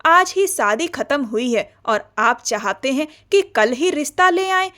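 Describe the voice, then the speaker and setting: A shy, nervous young woman in love, as a woman narrator plays her. She pleads and hesitates in a high, lively voice that swoops about, in a romantic story read aloud. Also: measured pace, exaggerated voice. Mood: pleading.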